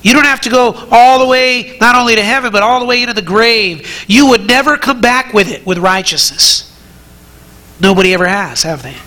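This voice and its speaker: Bright, high-voiced male preacher. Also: normal speed. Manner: earnest, repeats words when starting phrases, rising emphatic peaks. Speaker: pastor. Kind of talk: sermon.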